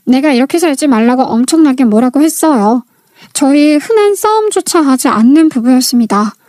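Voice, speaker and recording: A woman narrating a first-person story in a steady, earnest, confessional manner. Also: high voice, moderate pace, dry recording, clean studio sound.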